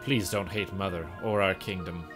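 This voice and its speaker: A man voicing a gentle, self-sacrificing video game princess who pleads softly and earnestly. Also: sits low, fairly even intonation, moderate pace, over music, close to an everyday voice. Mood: sorrowful, tender.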